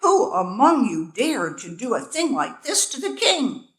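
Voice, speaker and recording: A woman voicing a proud, furious king who shouts loud commands. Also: on the high side, very animated, measured pace, pitched above the performer's own voice. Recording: echoey room.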